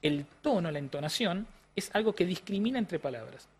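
A man's voice: sits high, animated, brisk, a little mellow, slightly rough. A man with an Argentine accent answering interview questions as a language researcher, explaining in a didactic way and often checking in with the listener. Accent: Argentine Spanish. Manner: frequent restarts and hesitations. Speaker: language neuroscientist guest.

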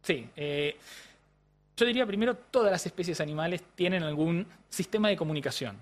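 A neuroscientist guest with a Rioplatense Spanish accent explains science in a didactic, interview-style way, frequently tacking on tag questions. His voice is fairly high and expressive, and he talks fairly quickly.

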